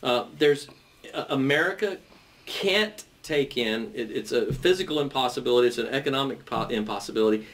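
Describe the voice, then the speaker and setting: A man's voice: medium pitch, a little fast, a bit bright, recorded from a distance, a little hiss or hum. A man hosting a panel debate, talking at length and often repeating and restarting his words. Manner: long-winded, stumbles and repeats words. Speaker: host.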